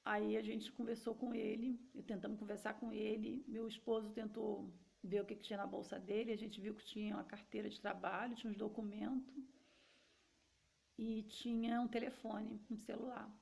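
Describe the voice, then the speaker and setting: A woman's voice: mid-range voice, little pitch movement, normal speed, vocal fry, darkish tone. A woman with a Brazilian Portuguese accent telling a personal story in a casual, conversational way, speaking directly to her listeners.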